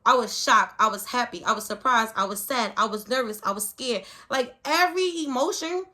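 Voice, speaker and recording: A pregnant woman vlogging, telling a story casually to camera in an animated, rambling way full of "like". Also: on the high side, moderate pace. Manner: animated and rambling, leaning heavily on "like". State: pregnant, with hiccups and heartburn.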